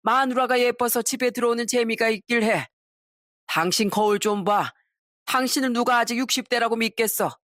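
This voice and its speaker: A woman's voice: on the high side, moderate pace, fairly bright tone, no room sound, studio quality, pitched above the performer's own voice, natural voice. A woman voicing a selfish, abusive father-in-law in his sixties who belittles and rants, often drunk. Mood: contemptuous. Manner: scornful, belittling, drunken ranting.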